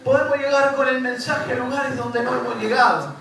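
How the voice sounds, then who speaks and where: A man's voice: very high-pitched, steady tone, fairly quick, pushed and bright. A man with a Rioplatense accent preaching a sermon as pastor, repeating phrases and speaking straight to his congregation. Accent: Rioplatense Spanish. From Uruguay. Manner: preaching with repetition and rising emphasis, addressing the congregation directly. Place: church hall. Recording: echoey church hall from far off, music behind.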